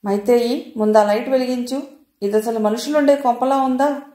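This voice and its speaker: A woman voicing a sharp-tongued, cynical older woman who scolds and lectures in an audio novel. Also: a little high, fairly even intonation, normal speed, roomy sound, natural voice. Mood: irritated.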